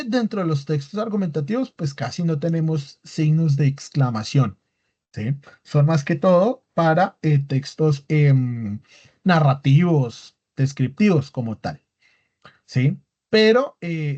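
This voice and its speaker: A male teacher explains a writing lesson, stopping constantly to check that his class is following. His voice sits fairly high for a man. The recording is dull and lo-fi. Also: a little mellow. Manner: explanatory, checks in with frequent tag questions. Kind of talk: recorded online class lecture.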